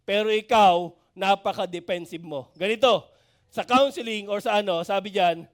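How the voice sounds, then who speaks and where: Male preacher with a high voice, loose conversational sermon delivery, heavy on rhetorical asides. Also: moderate pace. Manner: chatty, peppered with rhetorical check-in questions; lots of hesitation fillers and restarts while searching for words.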